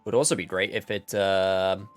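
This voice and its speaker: A man live streaming, chatting casually with his audience. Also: low voice.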